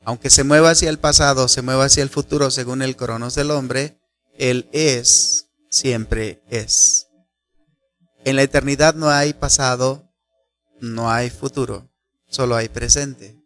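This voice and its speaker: A man preaching a sermon, teaching slowly and deliberately, asking his listeners rhetorical questions and stretching out key phrases for emphasis. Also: medium pitch, fairly even intonation, a bit bright.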